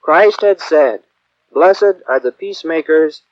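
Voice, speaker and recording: A man from Kansas, a priest, preaching a calm, earnest sermon, heard from an old 1950 transcription record. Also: fairly high pitch, takes it slowly, dry recording. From Kansas, USA. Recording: dull, dry old disc recording.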